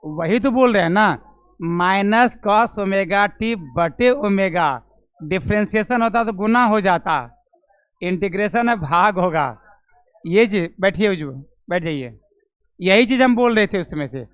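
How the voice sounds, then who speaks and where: High-voiced man teaching a noisy class. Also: lively intonation, a little slow, fairly bright tone, clean tone, no room sound. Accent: Bihari Hindi. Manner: questions students, repeats steps aloud, calls on them by name. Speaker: physics teacher. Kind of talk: classroom lecture. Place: classroom with students.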